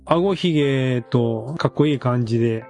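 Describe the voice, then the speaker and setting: A man from Osaka with a Senshu Osaka accent, hosting a casual podcast chat with animated, quick talk and laughing asides. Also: mid-range voice, gravelly, faint music behind. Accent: Senshu Osaka dialect. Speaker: podcast host.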